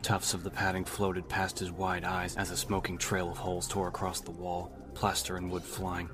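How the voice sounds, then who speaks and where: Music plays distinctly in the background as a deep-voiced male narrator reads a novel aloud for an audiobook. He speaks at an ordinary pace, evenly and steadily, with a pitch that barely moves at all.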